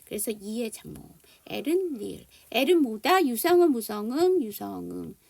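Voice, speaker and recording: A woman's voice: on the high side, sing-song, measured pace, creaky, a little mellow. A woman teaching an online English phonics lesson, explaining spelling and sounds and leading students through repetition drills.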